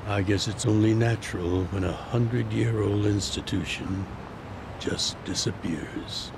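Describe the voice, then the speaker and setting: A weary, fatherly older man voices a retired yakuza boss in a video game cutscene dub, his gravelly voice low, slow, and steady. He sounds calm and reflective, speaking in a measured way over city noise.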